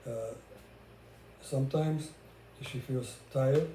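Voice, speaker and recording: An older man from Hungary, speaking with a Hungarian accent, vlogs casually and conversationally about his life and his relationship experiences. His voice is medium-pitched, slow and dark-toned. There's a roomy echo in the recording along with faint background noise.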